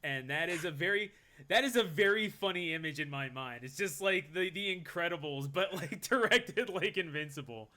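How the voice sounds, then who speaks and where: A man co-hosting a casual fighting-game podcast, quick and joking, with many fillers. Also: fairly high pitch, expressive, bright, forceful tone. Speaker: podcast co-host. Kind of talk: casual chat.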